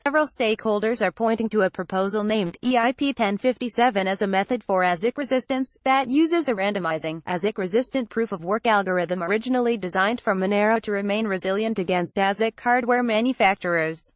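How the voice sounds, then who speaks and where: In a formal, read-aloud style, a woman narrates a scripted news article at a brisk clip with few pauses. Her pitch is mid-range for a woman, and the recording is very dry, with no room sound around her voice.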